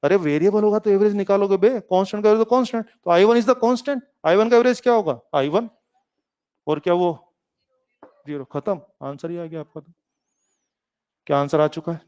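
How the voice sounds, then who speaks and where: A man's voice: sits high, normal speed, pauses often, mellow, smooth. A man teaching a physics class in with a coaxing, playful manner, calling his students kids and urging them on. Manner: playful, calls himself lazy. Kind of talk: online classroom lecture. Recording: slightly muffled lecture recording.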